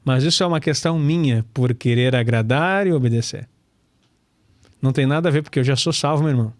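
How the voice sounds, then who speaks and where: A man's voice: mid-range voice, fast, no echo. A man, teaching scripture in a casual, chatty way, calling listeners brother and laughing often. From Brazil. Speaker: pastor and Torah teacher.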